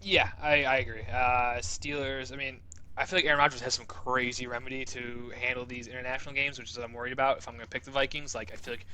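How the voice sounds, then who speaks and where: A man's voice: mid-range voice, steady tone, fast, crowd noise. A young man co-hosting a sports podcast, joking around in laid-back casual chat. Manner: jokey, laid-back, says dude. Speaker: podcast co-host.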